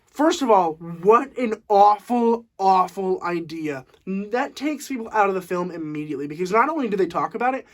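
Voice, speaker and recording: Young male reviewer, casual and animated, laughing through his take. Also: sits high, normal speed. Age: young adult. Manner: animated, laughing, with frequent fillers. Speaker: movie reviewer. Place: room at home.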